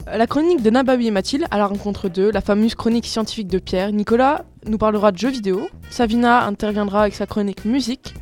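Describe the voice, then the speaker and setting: Female radio co-host, mid-pitched, scripted rundown delivery, light music bed. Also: fast, hardly any pauses, a little mellow.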